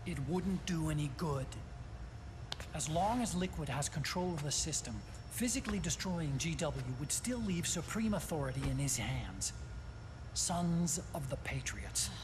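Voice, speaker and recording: A man's voice: a little high, expressive, measured pace, background noise. A man playing an earnest scientist who explains things to a military team in a video game. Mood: earnest, explanatory. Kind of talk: scripted video game voice acting.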